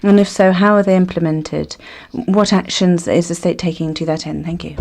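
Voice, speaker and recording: A woman on the committee questions the delegation in a formal, inquiring way. Her voice is low, mellow and quite flat in intonation. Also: moderate pace, creaky. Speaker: committee member asking questions.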